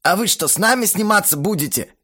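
A man voicing a talkative old male watchman with a creaky voice, chattering on in an audiobook. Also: high voice, expressive, a little fast, bright, forceful tone, voice pushed up, heavily acted. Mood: chatty. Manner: chatty, explaining.

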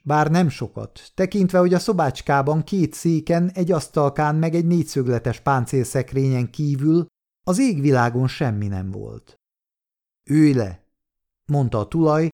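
A man narrating a short story as an audiobook reader, in a steady, measured way. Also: on the high side. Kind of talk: scripted narration.

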